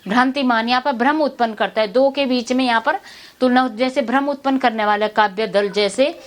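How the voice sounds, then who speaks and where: A woman's voice: fairly high pitch, fairly even intonation, fairly quick. A woman teaching a Hindi grammar lesson to students, repeating terms and asking herself questions before she answers them.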